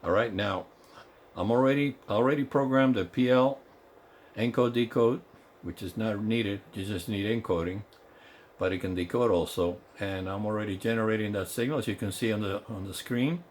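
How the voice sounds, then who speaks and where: A radio technician who isn't a native English speaker demonstrates repeater equipment in an indoor home electronics workshop, giving an informal, enthusiastic, hands-on explanation. His voice is lowish and his pace moderate. Workshop ambience comes through as clear background noise.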